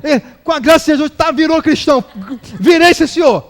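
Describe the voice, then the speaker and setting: A man's voice: extremely high pitch, fairly even intonation, quick pace, voice pushed up. Man playing a meek, simple driver. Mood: eager. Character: simple bewildered young male driver.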